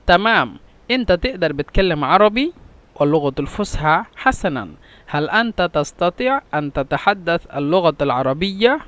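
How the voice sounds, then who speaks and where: A man gives a language lesson in a notably high voice. He goes slowly and repeats each phrase again and again for his students. The sound is close and dry, with no room echo. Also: a bit bright. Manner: patient, repeats each phrase several times. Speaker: Arabic teacher. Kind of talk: classroom-style language lesson.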